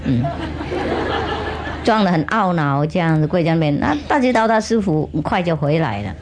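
A woman spiritual teacher telling a funny story to children in an animated, humorous way, with chatty asides. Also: deep voice, moderate pace, crowd noise, noisy background.

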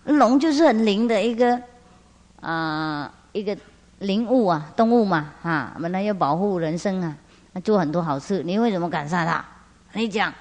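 A woman's voice: lowish voice, expressive, moderate pace, a little mellow. A woman voicing a male god who questions and judges a dispute. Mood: stern. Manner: questioning, then agreeing. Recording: long hall reverb.

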